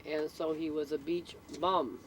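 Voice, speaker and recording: Unhurried and deep-voiced, a woman tells stories in an interview with fairly even intonation. She's a local storyteller, matter-of-fact and attentive to whether the listener follows. Vehicle noise runs through the amateur recording.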